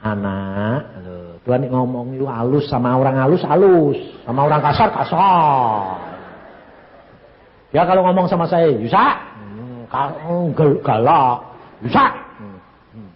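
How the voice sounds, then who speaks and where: A man's voice: medium pitch, expressive, unhurried, big-room sound, muffled recording, a little hiss or hum. A man in his eighties with a Javanese accent, preaching a testimony-style sermon and telling stories animatedly, with sound effects. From Central Java, Indonesia. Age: 80s. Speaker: evangelist preacher.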